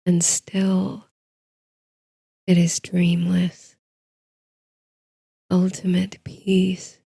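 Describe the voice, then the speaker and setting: A woman narrating a scripted sleep story in a soft, hushed, soothing manner, leaving drawn-out pauses between phrases. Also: on the low side, creaky, slightly rough, no echo, low-quality recording.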